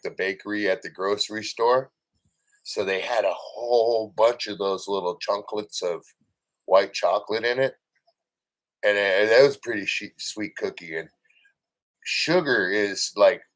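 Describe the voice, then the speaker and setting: Rambling man chatting on a livestream. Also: lowish voice. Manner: rambling, chatty, playful with viewers. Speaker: livestream host. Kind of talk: casual livestream chat.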